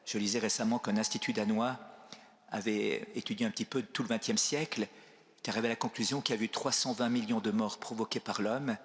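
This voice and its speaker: A priest giving a spiritual talk, telling stories and asking rhetorical questions, with frequent restarts. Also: male voice, on the low side. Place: large basilica. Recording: long basilica reverb.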